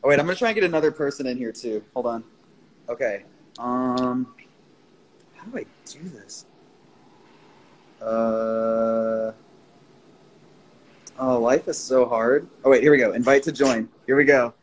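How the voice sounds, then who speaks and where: A man with a mid-range voice hosts a relaxed phone livestream, speaking a little slowly and pausing often. The recording is rough with slight background noise, and he swears freely, keeping a loose, jokey tone with viewers who join in.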